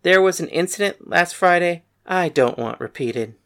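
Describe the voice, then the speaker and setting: A woman's voice: lowish voice, lively intonation, moderate pace. A woman voicing a bold, frank young gunslinging woman in an audiobook, speaking in a blunt, matter-of-fact way. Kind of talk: audiobook character voice.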